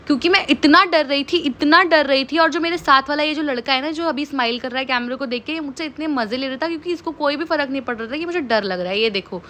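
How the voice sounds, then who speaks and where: A woman's voice: high voice, fairly bright tone, slight background noise. A young woman from India narrating a travel vlog in a chatty, playfully complaining way. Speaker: vlogger. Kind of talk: casual travel vlog voice-over.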